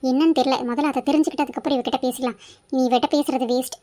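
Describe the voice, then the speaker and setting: A woman's voice: sits high, steady tone, rapid-fire, mellow, close to an everyday voice. A woman voicing a bold younger sister in a cartoon who presses hard for answers. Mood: scolding. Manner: pushy, demanding, scolding. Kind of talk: cartoon voice acting.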